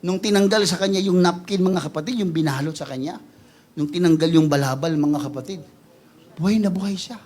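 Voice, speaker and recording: A pastor with a Filipino accent, preaching to a church congregation. He swings between hushed pleading and loud, shouted exclamations, and jokes playfully with the people. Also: high-pitched, fairly quick. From Philippines. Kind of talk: energetic preaching sermon.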